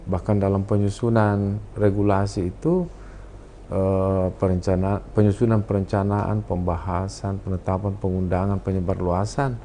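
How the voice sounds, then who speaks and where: A man's voice: low-pitched, level tone, moderate pace, dark tone, a little hiss or hum. A man with a South Sulawesi Indonesian accent, a party campaign official on a talk show, speaking earnestly and listing his points one by one. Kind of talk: political talk show discussion.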